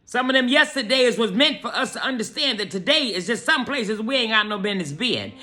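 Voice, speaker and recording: Animated, bright-voiced woman preaching encouragement. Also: a little high, fairly quick. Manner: animated exhortation, addressing listeners as y'all and honey. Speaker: host of an inspirational morning message. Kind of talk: preachy motivational talk.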